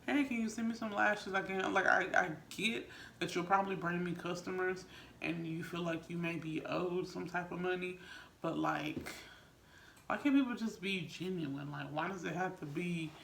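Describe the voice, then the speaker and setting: A woman's voice: fairly low pitch, steady tone, normal speed, vocal fry, fairly bright tone. A woman vlogger chatting casually to her viewers in a rambling, conversational mukbang style. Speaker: vlogger and small business owner. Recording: roomy echo, faint background noise.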